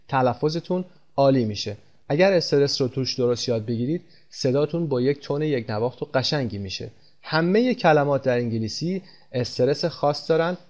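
A man teaching English pronunciation in Persian, speaking slowly and repeating example words with stress. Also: mid-range voice, darkish tone. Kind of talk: pronunciation lesson.

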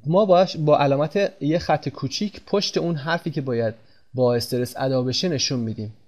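A man's voice: a little high, a little mellow. Patient male teacher drilling English pronunciation. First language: Persian. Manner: slow, repeating and stressing example words. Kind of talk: pronunciation lesson.

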